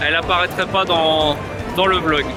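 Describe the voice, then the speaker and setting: Male vlogger, high-pitched, casual on-site delivery, music clearly behind him. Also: steady tone, normal speed. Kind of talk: casual on-site vlog talk to camera. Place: crowded convention by a long queue.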